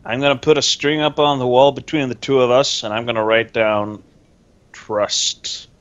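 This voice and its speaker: A man's voice: medium pitch, level tone, a little fast, clear, resonant tone. Man in dull lo-fi game chat. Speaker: tabletop game player. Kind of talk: casual role-play chat. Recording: dull, lo-fi sound.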